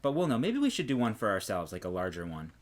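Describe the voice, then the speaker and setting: A man's voice: lowish voice, quick pace. Male podcast co-host, easygoing, shows his crochet while chatting. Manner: relaxed, trails off and restarts while showing work. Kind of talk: casual chat about crochet.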